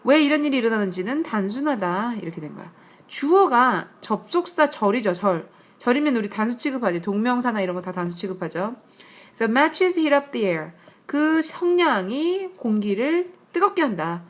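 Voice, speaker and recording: A woman teaching English grammar on a tablet screencast, her voice sitting a little high. She explains patiently, checks in with rhetorical questions and reads each English example slowly and carefully. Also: animated. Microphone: tablet screencast mic.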